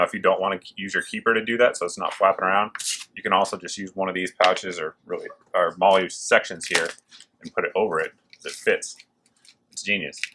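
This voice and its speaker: Deep-voiced enthusiastic man, factory machine noise behind. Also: pushed and bright. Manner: enthusiastic, informal. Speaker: host of a gear review video. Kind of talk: casual product showcase to camera. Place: working gear factory. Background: working machines and clicks.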